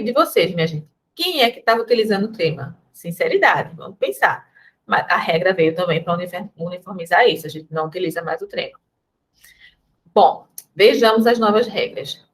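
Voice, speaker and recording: A woman's voice: fairly low pitch, a bit bright. A woman with a Brazilian Portuguese accent giving a recorded grammar lesson, speaking to her students in a chatty, direct way. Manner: chatty, addresses students directly, reads comic asides aloud. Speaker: teacher.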